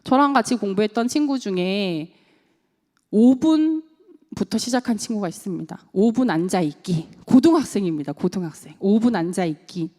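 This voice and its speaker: A woman coach addressing parents in a church hall, her voice swinging widely in pitch as she talks. She keeps turning questions to the audience, and the room rings with a long echo behind her. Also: moderate pace. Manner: animated, asks the audience questions and acts out quotes. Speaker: parenting coach and school teacher. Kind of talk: seminar talk to parents.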